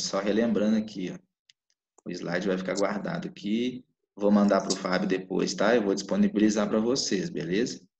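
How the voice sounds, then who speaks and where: Low-voiced man teaching online. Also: darkish tone, slight background noise. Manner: explains with frequent "né?" and "tá?" check-ins. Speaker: Portuguese teacher. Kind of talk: live online class. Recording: echoey room, dull lo-fi mic.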